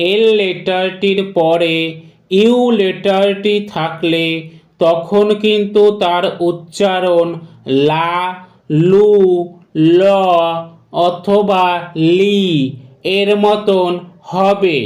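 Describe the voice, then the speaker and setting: Brief: high-voiced male teacher, very slow word-by-word drill, echoey room. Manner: repeats each word twice, very slow and deliberate. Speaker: English pronunciation teacher. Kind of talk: slow pronunciation drill lesson.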